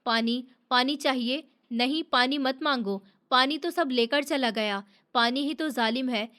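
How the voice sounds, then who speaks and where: A woman's voice: high-pitched, unhurried, pushed and bright. Woman voicing a grieving weary man, pleading. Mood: frantic. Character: grief-stricken middle-aged man, gentle, haunted by loss.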